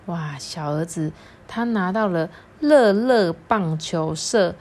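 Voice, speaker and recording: A woman storyteller reads a children's picture book aloud. Her telling is animated and playful. She keeps an unhurried, slow pace. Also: fairly low pitch.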